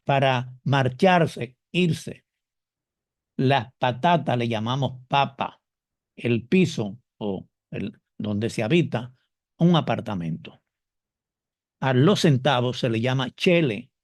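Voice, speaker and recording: A man from the Dominican Republic with a Dominican Spanish accent, explaining customs and the way his country speaks, slowly and deliberately, repeating examples. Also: mid-range voice, expressive, dry recording, studio quality. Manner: slow, deliberate, stretches key words and repeats examples. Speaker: teacher explaining culture and dialect. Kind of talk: explanatory monologue.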